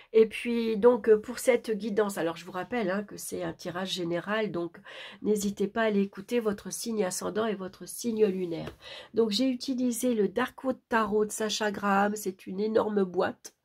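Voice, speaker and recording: A woman speaking softly and hoarsely with a sore throat, giving a casual, conversational horoscope card reading with frequent tag questions. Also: medium pitch. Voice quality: husky, creaky. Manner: conversational, often ending phrases with tag questions. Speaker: tarot reader hosting a monthly horoscope.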